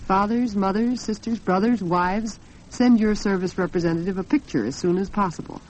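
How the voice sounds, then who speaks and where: With a mid-range, darkish voice at normal speed, an American woman hosts a 1940s radio talk show in a studio. She chats conversationally and addresses listeners directly; the 1940s broadcast recording is muffled and noisy.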